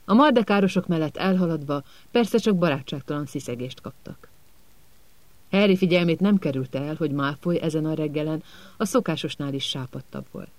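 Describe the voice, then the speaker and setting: Calm male audiobook narrator. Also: on the high side, dry recording. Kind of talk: scripted storybook narration.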